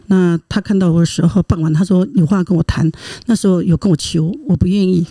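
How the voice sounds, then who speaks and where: A woman's voice: on the low side, quick pace. A middle-aged woman, recounting a personal story to a relative in casual chat, rambling and restarting as she goes. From Taiwan. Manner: rambling, animated retelling with restarts. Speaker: guest, host's aunt.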